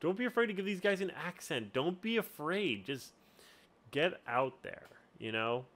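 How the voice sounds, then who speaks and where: A man's voice: a little high, lively intonation, moderate pace, fairly bright tone. A man hosting a casual tutorial as a game master, talking in a rambling way with lots of restarts. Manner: rambling, full of fillers and restarts. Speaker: game master and channel host.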